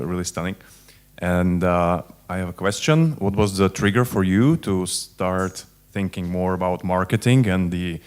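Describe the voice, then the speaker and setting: A man from a tech company making a halting comment from the audience at a panel, with many fillers. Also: deep voice.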